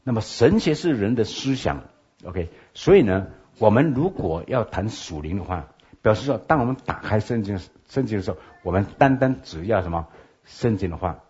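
A man's voice: lowish voice, expressive, normal speed, a little mellow, breathy edge. A man who is a pastor, teaching a lecture on logical fallacies, often checking in with his listeners. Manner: asks listeners for assent with frequent OK. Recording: dull lo-fi lecture recording.

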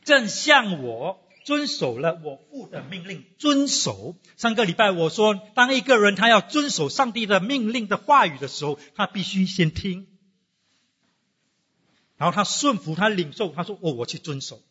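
High-voiced man preaching, mixing in English. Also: lively intonation, moderate pace, pushed and bright, breathy edge, big-room sound, highs cut off. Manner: mixes in English phrases, rhetorical questions. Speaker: pastor. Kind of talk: sermon.

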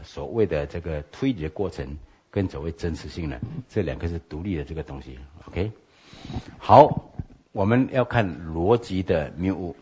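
A man's voice: sits low, darkish tone, husky. A man who is a pastor, teaching a lecture on logical fallacies, often checking in with his listeners. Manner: asks listeners for assent with frequent OK. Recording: dull lo-fi lecture recording.

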